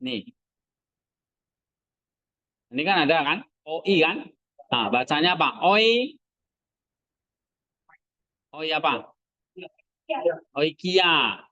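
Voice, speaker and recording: Male teacher running a lesson, unhurried, quizzes students, dry voice. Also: fairly high pitch, lively intonation, sharp tone, no echo, lo-fi sound. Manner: quizzing students with short questions. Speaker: Greek language teacher. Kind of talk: classroom lesson.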